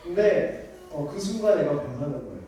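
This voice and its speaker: High-voiced pastor preaching in an echoey hall. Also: male voice, animated, a little fast. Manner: earnest, storytelling, addresses congregation directly. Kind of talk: sermon. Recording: echoey hall, distant mic, faint noise.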